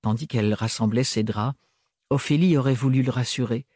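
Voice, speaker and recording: A man reading a novel aloud as an audiobook in a measured, expressive storytelling manner. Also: medium pitch, dry recording, clean studio sound. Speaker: audiobook reader. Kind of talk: scripted audiobook narration.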